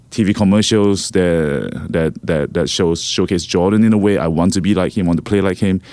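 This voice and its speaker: Low-voiced middle-aged man from Singapore. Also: a little mellow, no echo. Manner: reflective, repeats words when thinking. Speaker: podcast guest. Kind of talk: casual interview.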